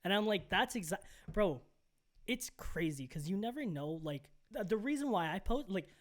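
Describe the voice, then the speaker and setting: A young man co-hosting a podcast, telling a story in casual chat, animated and full of "like" and "bro". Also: sits high, normal speed. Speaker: podcast co-host.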